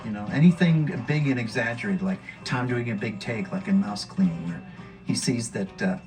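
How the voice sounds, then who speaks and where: A man's voice: mid-range voice, moderate pace. A man enthusiastically describing animators' work in detail in a documentary interview. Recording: distant mic with faint music.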